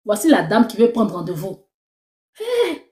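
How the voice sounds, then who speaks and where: A young woman giving a lively personal faith testimony, acting out the conversations she tells. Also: fairly high pitch, normal speed. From Ivory Coast. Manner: animated storytelling, acting out dialogue. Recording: roomy echo.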